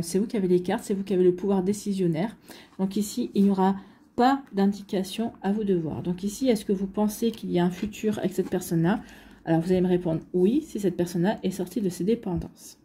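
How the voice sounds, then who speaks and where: A woman's voice: medium pitch, dark tone, slightly rough. A woman doing a tarot reading for her viewers, talking straight to them with many fillers and restarts. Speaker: tarot card reader. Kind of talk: spontaneous tarot reading to camera.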